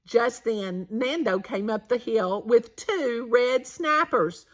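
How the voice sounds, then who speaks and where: A woman reading a children's picture book aloud for storytime. Her voice is bright and clear, and she takes the story at an unhurried pace. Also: fairly high pitch, lively intonation. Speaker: storytime reader.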